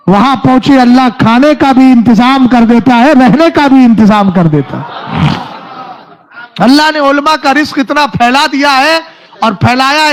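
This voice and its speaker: An Islamic preacher with a very high voice gives a religious sermon, reciting Arabic verses before explaining them. He frequently asks his listeners whether they've understood.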